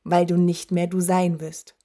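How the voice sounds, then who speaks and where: A woman's voice: lowish voice, flat delivery, a little slow, dark tone. A woman voicing a huge, dying male werewolf who taunts with a rattling, wheezing voice. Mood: gloating menace. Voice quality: rattling, rasping voice. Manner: taunting, gloating. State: wheezing, labored breath.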